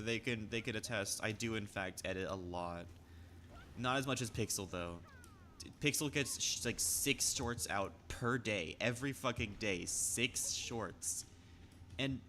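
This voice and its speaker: Young male streamer, casual rambling chat, stammers a lot, lowish but bright voice. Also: slight background noise. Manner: rambling, stammers and restarts, reads chat aloud.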